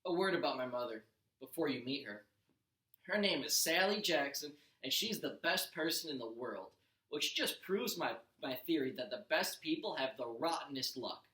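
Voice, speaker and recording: In an echoey room, a man reads a children's story aloud in an animated, teacher-to-class style, occasionally stumbling and correcting himself. The voice is fairly high, bright and forceful, animated and at a moderate pace.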